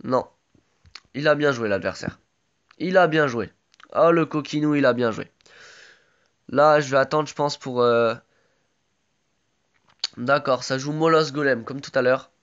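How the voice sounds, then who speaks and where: A man's voice: medium pitch, unhurried, long pauses, fairly bright tone, clear, resonant tone, muffled recording. A man with a sore throat giving casual live commentary on his own game, chatty and full of gamer slang.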